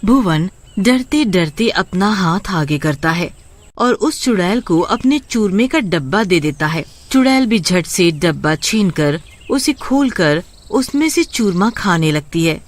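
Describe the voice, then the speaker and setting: Expressive woman storybook narrator. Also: medium pitch, measured pace.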